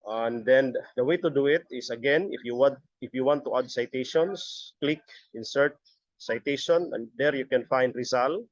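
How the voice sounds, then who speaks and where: A middle-aged man giving a step-by-step software tutorial as an instructor, halting and often repeating his words. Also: mid-range voice, no room sound. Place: busy area, on a video call or webcam setup. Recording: dull lo-fi audio.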